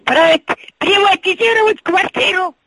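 A woman's voice: very high voice, a little slow, sharp tone, dry recording, rough recording. An older woman on the phone who cannot hear well, repeating herself in confusion.

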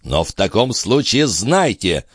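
A man's voice: fairly low pitch, very animated, a little slow, husky, no echo, clean studio sound, voice pushed up, heavily acted. Man doing a rattled police chief, sulky and stammery, voice bouncing up and down. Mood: indignant. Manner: stammering, sullen, pleading. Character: flustered, resentful male police chief, middle-aged. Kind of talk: audiobook character voice.

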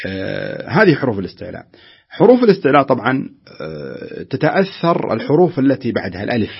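A man's voice: medium pitch, huge pitch swings, quick pace, vocal fry, breathy edge, lo-fi sound. A man who teaches Quran recitation, patiently correcting callers and sounding out letters syllable by syllable.

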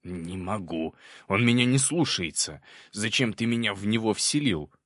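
A man voicing an excitable, demanding little male demon spirit in a storybook reading, loud and panicky. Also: on the low side, slow pace, dry recording, clean studio sound, exaggerated voice. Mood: excited.

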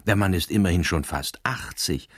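A man's voice: deep voice, normal speed, a bit bright, no room sound, clean studio sound. A man reading the lines of a skeptical lawyer who presses with incredulous questions. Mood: tense. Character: tense, skeptical male country lawyer. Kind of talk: scripted narration.

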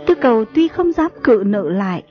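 A woman narrating a story in a steady storytelling manner. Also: fairly high pitch, moderate pace. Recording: dull lo-fi recording, faint music.

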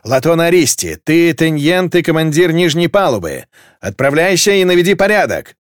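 A man's voice: on the high side, very animated, moderate pace, no echo, studio quality, voice pushed up. A man voicing a fierce, foul-tempered woman ship admiral, barking curt orders in an audiobook. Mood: furious.

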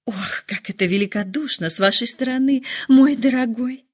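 A woman voicing a nervous, excitable middle-aged mother who complains in shrill, dramatic outbursts. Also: normal speed. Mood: fretful.

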